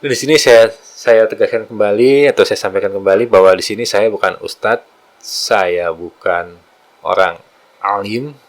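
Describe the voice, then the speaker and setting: A man teaches Quran letter sounds in a relaxed, informal way. He sounds out guttural letters over and over and keeps insisting he is only a learner himself. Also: on the low side, poor audio. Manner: demonstrates throat sounds repeatedly, humble and self-deprecating. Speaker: self-taught Quran pronunciation teacher. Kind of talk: casual pronunciation lesson.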